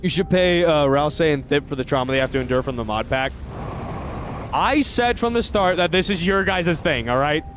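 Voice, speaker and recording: A man's voice: fairly high pitch, lively intonation, moderate pace, fairly bright tone, a little hiss or hum. A man streaming a game, chatting casually, swearing and ranting in mock outrage at his chat, then muttering to himself as he plays. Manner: rambling, muttering to himself while playing. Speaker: livestreamer. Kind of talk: casual gaming livestream chat.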